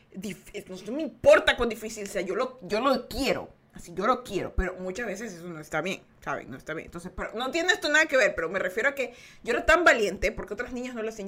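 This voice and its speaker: A young adult woman with an Ecuadorian accent chats through a podcast story. Her high voice swoops all over the place, and she giggles and breaks into little impressions of the people in her story. She often restarts mid-sentence in a loose, confessional way. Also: fairly bright tone. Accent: Ecuadorian Spanish. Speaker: podcast host.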